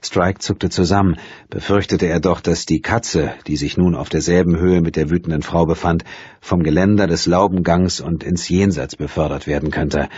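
Deep husky male audiobook narrator. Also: no echo. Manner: even, descriptive storytelling. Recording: dull, dry close recording.

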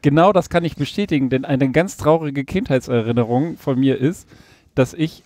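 A man's voice: mid-range voice, normal speed, dark tone, no echo. Dry, teasing man on a podcast. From Berlin. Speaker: podcast co-host. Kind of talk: casual chat.

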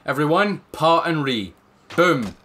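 A man's voice: fairly high pitch, expressive, slow pace, sharp tone. A man giving playful let's-play commentary as a gaming YouTuber, joking and exclaiming at the screen.

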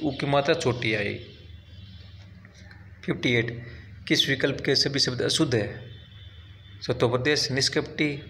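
A man's voice: medium pitch, fairly bright tone, a little hiss or hum. A man teaching, working through quiz questions one by one and explaining each answer step by step, now and then correcting himself. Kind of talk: exam quiz walkthrough.

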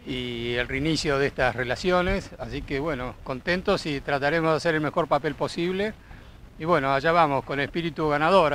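Upbeat Argentine sailor, mid pitch, faint outdoor noise. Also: male voice, a bit bright. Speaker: invited sailor. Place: outdoors on a sailboat deck.

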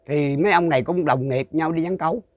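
An older man with a Southern Vietnamese accent spins a rural ghost story, circling back and repeating himself as he goes. His voice sits a little high, and it is recorded dry and close with no room echo. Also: fairly quick, highs cut off. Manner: rambling, repetitive, with frequent restarts. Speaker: storyteller interviewee. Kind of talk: casual folk storytelling.

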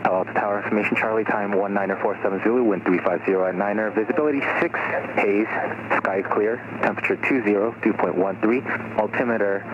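A man's voice on an airport weather broadcast, played over an aircraft radio. He runs through wind, visibility and runway numbers at a brisk, even clip with a slightly low voice. The sound is muffled and dull, with loud engine noise underneath. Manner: steady, even recitation of figures and instructions. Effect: recorded airport weather broadcast over aircraft radio. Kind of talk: recited automated weather and runway bulletin.

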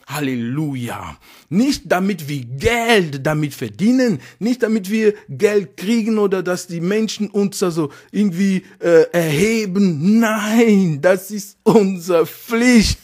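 Slow, emphatic preaching man. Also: darkish tone, breathy edge. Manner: slow, emphatic preaching with frequent hallelujahs and swings in pitch. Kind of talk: sermon.

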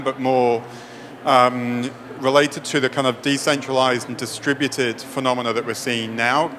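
A man's voice: mid-range voice, fairly bright tone, a little hiss or hum. Hesitant man fumbling through a question. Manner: hesitant, restarts often, uses many fillers. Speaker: moderator asking questions. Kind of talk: halting audience question.

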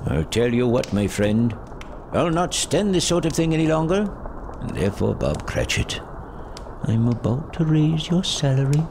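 An actor playing an elderly reformed miser, giddy, generous and exuberant, in a theatrical audio drama. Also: male voice, medium pitch, sing-song, moderate pace, gravelly, background noise. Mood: mock stern. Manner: exuberant, chuckling, mock-stern at times.

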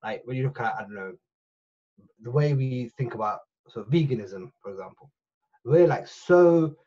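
This man, a podcast guest chatting casually over a video call from a small room at home, has a medium-pitched, warm voice with lively intonation and a normal pace. He rambles, circling back with many restarts and fillers, and the call audio sounds muffled.

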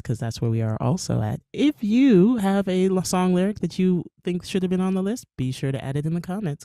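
A woman co-hosting with gushing enthusiasm. Her tone is mellow and warm, recorded dry and close with no room sound. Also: low voice, no room sound. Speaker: co-host. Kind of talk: casual show chat.

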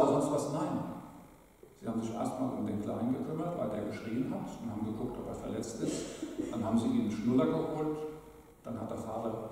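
A man giving a sermon as a lay preacher, measured and emphatic, with pauses for weight. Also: medium pitch, warm tone, distant mic, a little hiss or hum. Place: church. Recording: echoey church recorded from afar.

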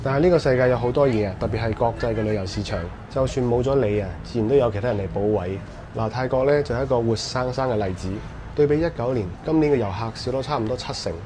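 A man's voice: mid-range voice, a little hiss or hum. A man speaking Cantonese, walking a busy nightlife street as a vlog host and giving wry, opinionated commentary. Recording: music blaring from street bars. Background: loud bar music.

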